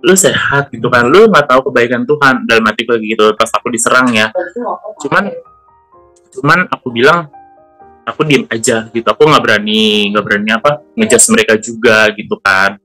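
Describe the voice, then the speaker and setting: A man's voice: mid-range voice, brisk, bright, forceful tone, faint music behind. A man giving a casual spoken testimony, chatty, with frequent retelling of what he said and heard. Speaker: testimony speaker.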